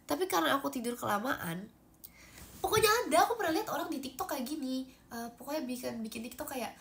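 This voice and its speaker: Her voice sits high and carries vocal fry as she talks at a quick pace. She's a young woman from Indonesia, an idol livestreamer with a cold-stuffed nose, animatedly chatting on a phone livestream, dropping frequent fillers and thanking viewers for gifts.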